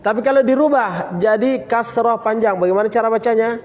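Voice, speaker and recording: A man teaching a Quran recitation lesson, drilling students with repeated questions and slowly chanting example words. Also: extremely high pitch, long reverb tail. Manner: occasional coughs, casual. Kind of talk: classroom tajwid lesson.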